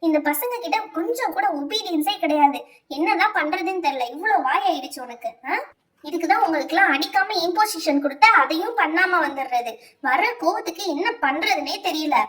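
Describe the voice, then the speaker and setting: Woman doing a very high-voiced strict teacher. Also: expressive, fairly quick, a bit bright, distant mic. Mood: angry. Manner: stern, nagging, lecturing. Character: strict scolding female schoolteacher. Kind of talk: doll-play voice acting.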